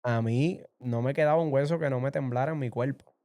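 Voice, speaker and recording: A man tells his story in an emotional, vivid way. His voice is dark and mellow yet smooth and clear, and he acts out the people he quotes. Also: mid-range voice, brisk. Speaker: interview guest sharing testimony. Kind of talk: emotional personal testimony.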